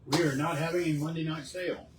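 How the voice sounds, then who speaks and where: A man's voice: a little high, fairly even intonation, quick pace. Man, plain-spoken and dry, recorded in a roomy space with audible noise. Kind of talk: casual chat. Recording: distant roomy noisy kitchen recording.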